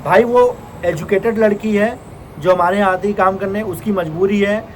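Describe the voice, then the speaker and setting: Male vlogger, high voice, earnest rhetorical tone, faint hiss behind. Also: steady tone, normal speed, poor audio. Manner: earnest, indignant rhetorical questions. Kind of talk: casual vlog monologue.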